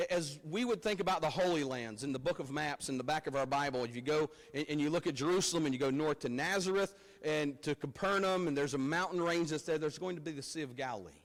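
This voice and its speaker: A man preaching a sermon at a pulpit microphone in a church, in a conversational way with frequent repeated words. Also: fairly high pitch. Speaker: pastor. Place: church sanctuary. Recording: long reverb of a church hall.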